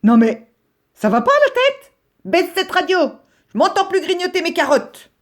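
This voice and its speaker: A woman doing a shrill, outraged grey rabbit. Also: big pitch swings, moderate pace. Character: fussy, quick-tempered male grey rabbit.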